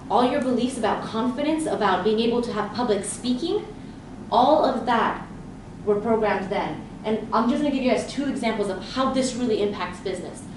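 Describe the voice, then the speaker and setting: Her voice sits in the mid-range, sounding far from the mic in a very echoey room with steady background noise. This leadership coach, a native Romanian speaker who grew up in Southern California, addresses a live conference audience with energetic storytelling and quoted inner thoughts.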